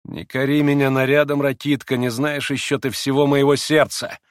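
A man voicing a proud, wild young woman who speaks in impassioned, shrill outbursts. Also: level tone, moderate pace, no echo, studio quality, natural voice. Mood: frenzied.

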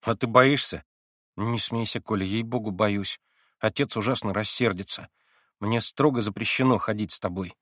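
A timid schoolboy speaks in a low, hushed voice, fretting about getting in trouble, as a male reader puts him on. He sounds lower and softer than the reader's own voice. The recording is dry and close. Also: normal speed, dry recording. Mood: quiet worried. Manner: quiet, worried.

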